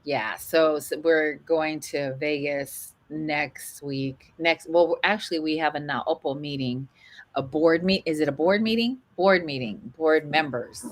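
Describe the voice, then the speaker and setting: A woman's voice: sits low, measured pace. A middle-aged woman co-hosting a show, chatting casually and greeting listeners by name. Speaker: radio co-host. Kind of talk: casual chat.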